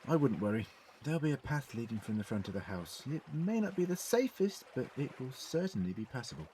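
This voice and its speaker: A man's voice: medium pitch, sing-song, brisk, warm tone, slight background noise, lightly acted. A man acting in an audio drama as a courteous, eccentric alien scientist who travels in time, speaking in a wordy, politely formal, theatrical way. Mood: thoughtful, assured.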